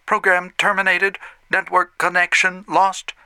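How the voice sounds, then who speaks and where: Guy doing a robotic computer lady voice, way up high, flat clipped readouts. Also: measured pace, clean tone, no echo, exaggerated voice. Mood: announcing. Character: flat mechanical female backup operating system.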